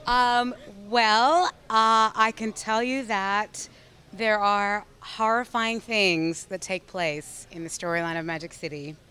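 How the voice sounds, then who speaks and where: A woman's voice: mid-range voice, takes it slowly, pushed and bright, smooth. A woman, an actress being interviewed, talking in a bubbly, effusive way and often restarting her sentences. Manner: bubbly, effusive, self-correcting. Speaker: actress guest. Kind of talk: casual interview chat.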